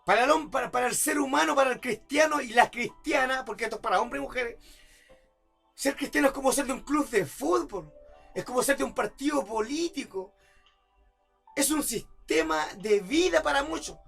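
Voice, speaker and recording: A man's voice: very high-pitched, expressive, normal speed, vocal fry, a bit bright, slightly rough, soft background music. A man preaching a sermon as pastor, repeating rhetorical questions and building to emphatic outbursts. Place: church service.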